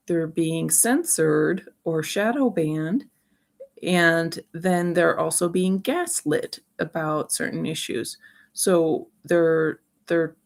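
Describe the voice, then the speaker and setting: A woman video host delivers rambling opinion commentary in a lowish, gravelly voice. She speaks haltingly but emphatically, sounding aggrieved.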